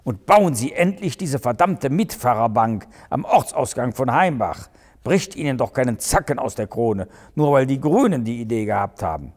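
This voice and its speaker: A man's voice: mid-range voice, lively intonation, normal speed, a little mellow, in a large hall, close to an everyday voice. A man voicing a stern, pushy male district administrator who gives orders and lectures. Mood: commanding. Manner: commanding, lecturing.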